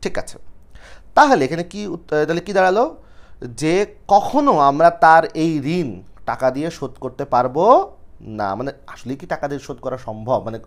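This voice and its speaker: A young man teaching a poem to students, explaining word meanings and quizzing with questions he answers himself. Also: fairly high pitch. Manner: lively, asks questions and answers them himself.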